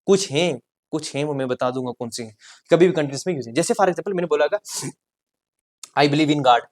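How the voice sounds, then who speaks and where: A male teacher giving an exam-prep grammar lesson in a chatty, joking way. He fires off rhetorical questions and swings between loud coaxing and soft asides. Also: fairly high pitch, fairly quick.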